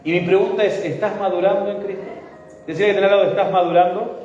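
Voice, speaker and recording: A man's voice: high-pitched, steady tone, fast talker, darkish tone. A man with a Rioplatense Spanish accent, a pastor preaching a sermon and leading his congregation in call-and-response. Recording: echoey hall, dull sound.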